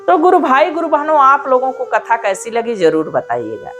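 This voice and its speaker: A woman's voice: sits high, animated, moderate pace, fairly bright tone, soft background music. A woman narrating a devotional story in an earnest, sing-song manner and addressing her listeners directly.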